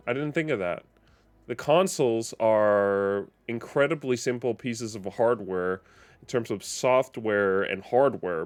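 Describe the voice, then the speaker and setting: A man live-streaming a video game, chatting casually in a rambling, self-correcting way. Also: on the low side.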